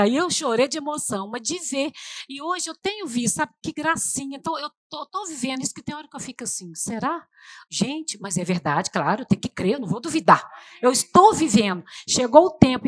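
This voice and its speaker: A middle-aged Brazilian woman with a high, fairly bright voice delivers an emotional testimonial sermon in church, with no echo in the audio. Her Brazilian Portuguese accent colors a conversational style, and she often calls out to the congregation as "gente."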